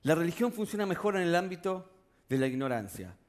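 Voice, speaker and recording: A man's voice: on the high side, sing-song, fairly quick. A man with a Rioplatense Spanish accent preaching a sermon in a conversational way, often putting rhetorical questions to the congregation.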